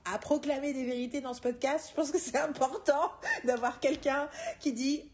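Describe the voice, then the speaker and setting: Brief: female co-host, slightly higher register, quick and lively, frequent laughter. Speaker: podcast co-host and screenwriting teacher. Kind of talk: casual chat.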